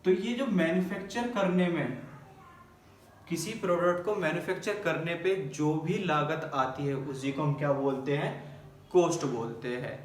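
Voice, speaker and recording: A man teaching accountancy in a classroom, his fairly high voice carried from off-mic through a roomy, echoing space with a faint hum behind. He poses questions and answers them himself as he explains each term. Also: normal speed, recorded from a distance. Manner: mixes English terms into Hindi. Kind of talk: classroom lesson explaining terms. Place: classroom with a board. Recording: echoey room, voice from off mic.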